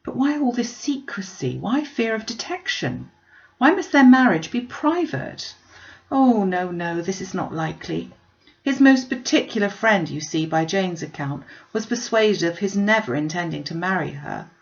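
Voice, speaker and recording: A woman reader voices an earnest, sharp-minded young gentlewoman from a storybook classic, who argues emphatically with lively rises and falls, sounding doubtful and insistent. The voice is mid-range, creaky and at normal speed, in a slightly muffled, lo-fi recording.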